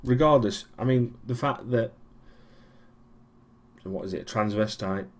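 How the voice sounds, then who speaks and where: A man's voice: on the low side, measured pace. A young man giving a casual weekly vlog recap, rambling with many ums and restarts and a dry, sarcastic streak. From Europe. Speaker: vlogger.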